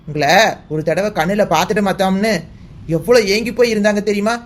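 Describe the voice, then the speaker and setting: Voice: mid-range voice, close to an everyday voice. A voice actor playing an earnest, caring young man in a cartoon, reassuring and blunt. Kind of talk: cartoon voice acting.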